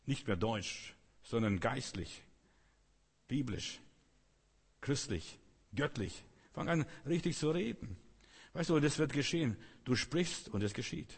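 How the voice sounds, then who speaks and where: A man's voice: medium pitch, expressive, measured pace, long pauses, breathy edge. A man preaching a sermon with emphatic repetition, sometimes acting out complaining voices. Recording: long hall reverb.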